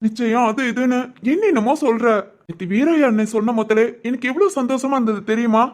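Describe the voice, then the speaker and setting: A woman's voice: on the high side, brisk, a little mellow, lightly acted. A woman voicing a lovesick young cartoon groom. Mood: affectionate. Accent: southern Tamil Nadu. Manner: affectionate, chuckling. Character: young man in love, cheerful and eager groom-to-be.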